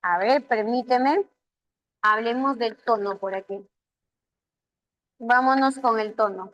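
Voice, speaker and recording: Slow, high-voiced Peruvian teacher woman. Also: fairly bright tone, highs cut off. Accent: Peruvian Spanish. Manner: patient, asks students questions and voices their replies. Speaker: language teacher. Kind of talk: online class explaining exam answers.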